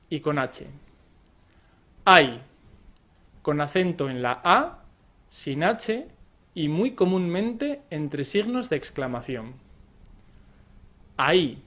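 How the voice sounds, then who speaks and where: A man with a Spain accent gives a scripted lesson at a slow, measured pace. His voice sits a little high for a man, and he spells things out with care. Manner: slow, careful, with acted example phrases. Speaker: Spanish teacher.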